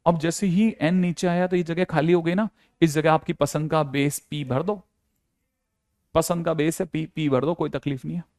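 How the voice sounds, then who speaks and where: A man's voice: a little high, fairly even intonation, normal speed, darkish tone, no room sound, clean studio sound. A playful male maths teacher. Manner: playful, repeats key phrases, addresses students directly. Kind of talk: classroom lecture.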